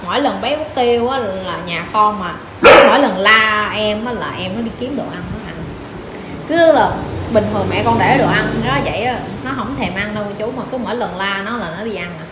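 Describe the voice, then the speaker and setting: A woman's voice: medium pitch, fairly quick, a loud crowd. A young woman, chatting casually to her viewers about her pets and cooing to her dogs. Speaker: pet vlogger.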